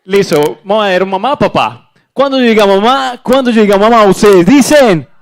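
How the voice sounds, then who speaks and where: Playful man leading an auditorium game. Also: lively intonation. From Colombia. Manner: playful, drawn-out calls with pitch swings. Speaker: activity leader at a conference. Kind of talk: leading an audience call-and-response game. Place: large auditorium.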